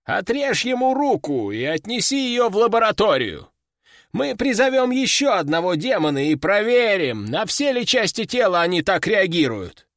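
A man's voice: high-pitched, big pitch swings, moderate pace, a bit bright, no room sound, studio quality, pitched above the performer's own voice, exaggerated voice. A man voicing a stern, domineering old male sorcerer in an audiobook, giving harsh orders. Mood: dismissive. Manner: commanding and harsh. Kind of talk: audiobook character voice.

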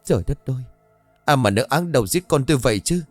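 Man doing an old grieving mother, wailing, high-pitched, storybook horror, dry sound. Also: animated, fast, no echo, soft background music, natural voice. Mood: anguished.

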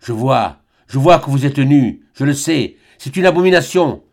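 A man's voice: on the high side, lively intonation, normal speed, voice pushed up. A man voicing a zealous, furious friar who condemns in a thundering voice. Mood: raging.

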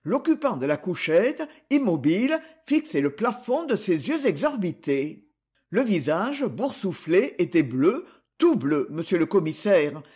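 A man's voice: high-pitched, very animated, a little slow, darkish tone, slightly rough, exaggerated voice. A man doing a shaken witness reporting to police. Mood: earnest. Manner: earnest, reporting urgently.

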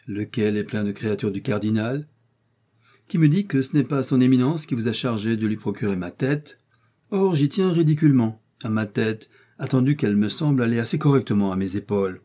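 A man's voice: mid-range voice, dark tone, lightly acted. A man reading an audiobook, voicing a young male musketeer who speaks coldly and with precise irony. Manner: cool, mocking, precise.

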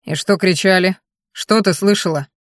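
A woman's voice: on the low side, normal speed, dry recording, lightly acted. A curt, cold gang boss snapping out questions and orders, voiced by a woman reader in her ordinary voice. Contempt runs through his clipped lines. The sound is close and dry. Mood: stern. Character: stern suspicious gang boss, adult man. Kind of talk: audiobook character voice.

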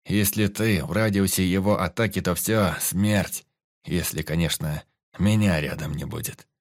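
Brief: male reader doing a brash hoarse brawler, deep voice, yells and brags. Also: a little slow, dry recording, studio quality. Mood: boastful. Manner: shouting, bullying, boastful. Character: brash wounded male fighter, hot-tempered boaster. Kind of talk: audiobook character reading.

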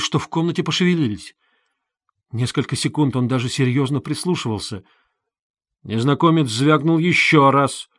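A man reading a classic novel aloud as audiobook narrator, measured and expressive, on a close microphone. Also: mid-range voice, no echo. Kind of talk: scripted narration.

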